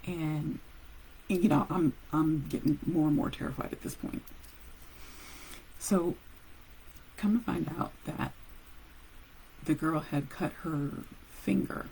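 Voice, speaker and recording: Low-voiced woman telling a story. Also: gravelly, slight background noise, poor audio. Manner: animated storyteller with frequent laughs and pauses. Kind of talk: casual personal storytelling.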